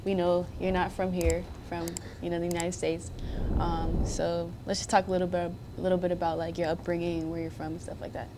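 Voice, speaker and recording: A woman's voice: on the low side, little pitch movement, a little fast, background noise. A young woman hosting a podcast and interviewing a teammate in a friendly, chatty way. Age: young adult. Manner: friendly, chatty, asks loose questions.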